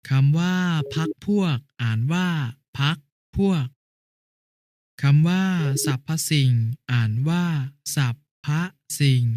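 A patient, helpful big brother from a children's lesson cartoon, played by a man, explaining things step by step in a mellow, slightly high voice. It is recorded dry and close, with no room sound. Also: dry recording, lightly acted. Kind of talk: educational cartoon dialogue.

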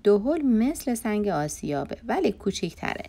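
A woman's voice: medium pitch, big pitch swings, gravelly, warm tone. A woman voicing a timid young village servant girl in a children's storybook, speaking in a hesitant, deferential way. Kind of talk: storybook character voice.

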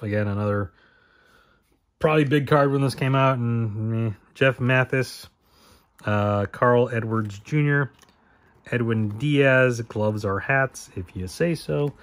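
Male host, casual card-break chatter, self-correcting and rambling, mid-range voice. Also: medium pitch. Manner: rambling, self-correcting, talks to himself while listing names. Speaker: card-opening channel host. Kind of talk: casual card-opening commentary.

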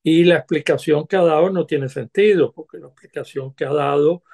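An older man, a former diplomat, giving measured commentary over a video call from a home study. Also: a little high, vocal fry, a little mellow.

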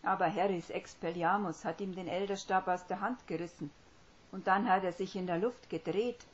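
A woman voicing an earnest, tearful young witch who speaks in an urgent, hushed and choked way. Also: mid-range voice, steady tone, moderate pace, voice pushed up, lightly acted. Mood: firm, fervent. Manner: earnest, by turns hushed and fervent. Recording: dull lo-fi recording.

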